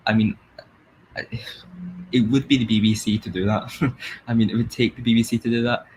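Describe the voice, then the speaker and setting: A man's voice: mid-range voice, little pitch movement, brisk, darkish tone, slight background noise, poor audio. A young Scottish man chatting casually as host of a live stream, rambling with lots of fillers. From Scotland. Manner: chatty, rambling, sings along in snatches.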